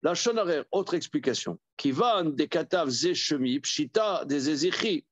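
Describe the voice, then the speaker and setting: A man, a rabbi, teaching a Torah study class. He reads verses aloud, then explains them in a halting way with many repeated words. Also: a little high, lively intonation, dry recording. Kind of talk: Talmud study lesson.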